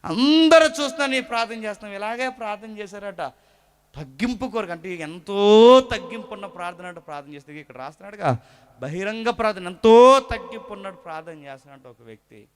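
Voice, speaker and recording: A man preaching a sermon with animated delivery, firing rhetorical questions and mimicking churchgoers. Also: sits high, fast.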